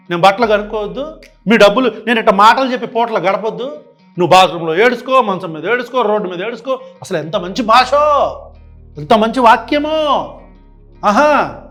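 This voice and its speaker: A man's voice: high-pitched, a bit bright. A man giving reaction commentary, indignant and sarcastic, firing off rhetorical questions.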